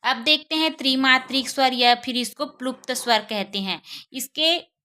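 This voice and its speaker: A woman's voice: high-pitched, moderate pace, pushed and bright. A woman teaching a grammar lesson, asking the class questions and then answering them herself, often adding little checks for understanding and saying vowel sounds aloud as examples.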